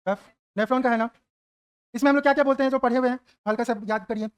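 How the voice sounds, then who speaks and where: A man's voice: extremely high pitch, fairly even intonation, quick pace, clean tone, no room sound. A man teaching biology, firing off rhetorical questions, checking whether students follow, and playfully voicing their imagined replies. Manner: keeps asking rhetorical questions and checking "got it?". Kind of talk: exam-prep lecture at a whiteboard.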